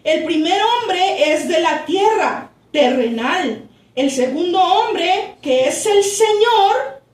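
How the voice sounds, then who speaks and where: A woman pastor preaching a sermon, slowly reading scripture aloud and explaining it to her congregation, calling them brothers. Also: very high-pitched, expressive. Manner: slow, deliberate reading that stretches key words, with asides to the congregation. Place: church. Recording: echoey church room, voice from a distance.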